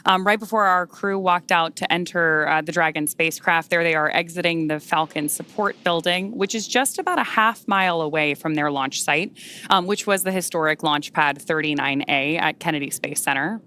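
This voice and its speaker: Low-pitched woman hosting spaceflight commentary. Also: moderate pace, bright, forceful tone. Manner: conversational, explanatory. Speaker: launch webcast co-host.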